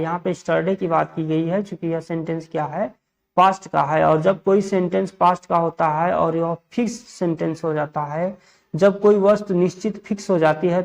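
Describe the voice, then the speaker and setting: Indian man, grammar teacher for exam prep. Slightly high, gravelly voice. Asks and answers his own questions. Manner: reads example sentences slowly.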